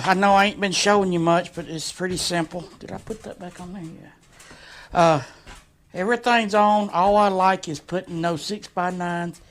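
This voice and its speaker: In a shed workshop, a vlogger works on a motorcycle while giving a casual, rambling update, joking along in folksy, colloquial grammar. The voice is medium-pitched and a bit bright.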